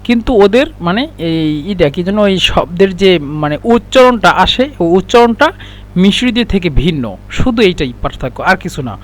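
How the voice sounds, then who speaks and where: A man teaching Arabic phrases in a casual spoken lesson, slowly explaining each one and repeating the examples. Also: sits high, expressive.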